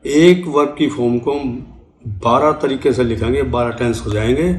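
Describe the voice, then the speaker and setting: An older man with an Indian accent gives a classroom-style grammar lesson. He speaks slowly and deliberately, pausing to spell words out letter by letter. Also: medium pitch, roomy sound. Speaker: English grammar teacher.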